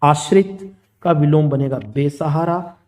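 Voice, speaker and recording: A man's voice: on the high side, slow. A man teaching a grammar lesson, steadily listing words and their opposites. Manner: steady, listing word pairs one after another.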